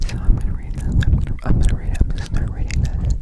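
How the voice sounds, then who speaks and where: A man whispers ASMR ear to ear close to the mic, repeating words and phrases, with wet mouth sounds and gum chewing. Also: racing. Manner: whispers throughout. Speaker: ASMR channel host.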